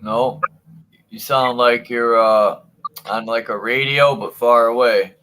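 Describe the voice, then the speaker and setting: Slow, rambling man hosting a livestream. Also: mid-range voice, steady tone, background noise. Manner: slow, rambling, swears casually. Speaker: livestream host. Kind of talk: casual livestream chat.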